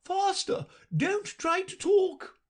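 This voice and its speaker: A man voicing a brisk, imperious queen chess piece who cries out orders in a shrill, commanding way. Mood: urgent.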